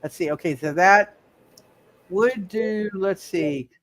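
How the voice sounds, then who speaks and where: A man serves as game master for a live tabletop superhero game, thinking out loud in halting phrases and repeating himself. His voice sits high.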